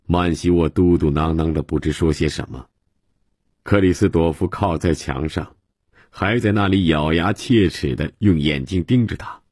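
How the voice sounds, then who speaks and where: Male radio storyteller, deep, husky voice, unhurried, dry close sound. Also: darkish tone, no echo. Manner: measured, dramatic narration.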